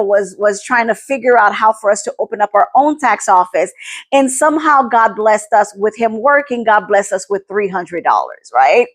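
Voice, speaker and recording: Emotional woman sharing her faith story. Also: a little high. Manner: emotional, faith-filled, repeats words for emphasis. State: teary, near crying. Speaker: podcast host. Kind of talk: personal testimony, casual talk.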